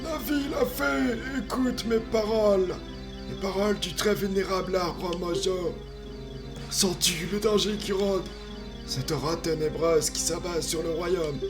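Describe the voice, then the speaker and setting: A man's voice: high-pitched, unhurried, over music, voice pushed up. A man voicing an ancient, solemn tree guardian of the forest from a video game, declaiming in a strained elderly voice. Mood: grave warning. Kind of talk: improvised video game dubbing.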